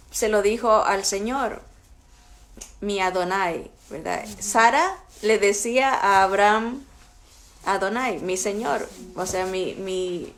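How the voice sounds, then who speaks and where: A woman's voice: medium pitch, slight background noise. Woman teaching a Bible lesson. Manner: conversational teaching, frequent fillers and tag questions. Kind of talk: recorded Bible study lesson.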